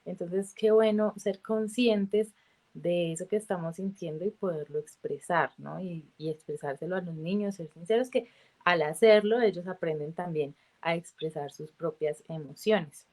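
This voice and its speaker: A woman with a lower voice hosts the interview in a relaxed, conversational way. She sets up each topic and checks in with quick tag questions before handing over to her guest. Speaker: host.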